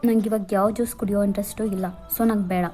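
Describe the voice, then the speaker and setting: A woman's voice: medium pitch, steady tone, quick pace, dark tone, faint music behind, close to an everyday voice. Woman voicing a wary, blunt young woman. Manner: suspicious, blunt. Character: wary protective young woman, best friend.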